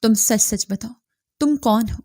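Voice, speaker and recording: A woman voicing a tender-hearted young daughter who speaks in a halting, hesitant way. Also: fairly high pitch, warm tone, dry recording, studio quality, close to an everyday voice. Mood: searching.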